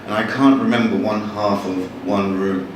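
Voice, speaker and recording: Speaking in a fairly low, steady voice, this novelist, born in Bangladesh and raised in London, addresses a big hall full of people with wry, talkative remarks and many stop-and-start restarts. Heard from far away, the recording is noisy and thick with hall echo.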